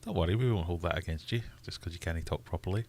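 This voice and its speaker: A fast-talking Scottish man with a deep, slightly mellow voice runs a casual livestream. Chatty and quick to laugh, he reads viewers' comments aloud as he goes.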